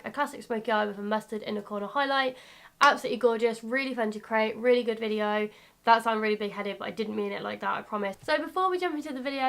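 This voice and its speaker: A bubbly 22-year-old woman chatting through a makeup tutorial, croaky from a coming cold, self-mocking and chatty. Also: on the high side, fairly bright tone. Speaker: beauty YouTuber. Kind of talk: casual makeup tutorial chat.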